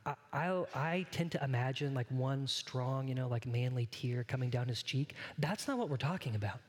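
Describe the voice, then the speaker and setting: Earnest pastor preaching in an echoing hall. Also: male voice, medium pitch, a little mellow. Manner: conversational, earnest preaching that addresses the congregation directly. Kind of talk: sermon.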